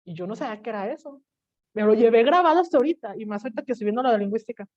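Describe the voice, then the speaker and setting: A Mexican woman teaching an online class, telling a personal story in a lively way and acting out the voices of the people she quotes. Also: on the high side, racing, muffled recording.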